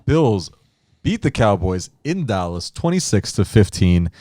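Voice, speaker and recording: A man's voice: fairly low pitch, big pitch swings, a little slow, dark tone, no echo. A man co-hosting a casual sports podcast, joking and laughing as he recaps scores. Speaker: podcast co-host.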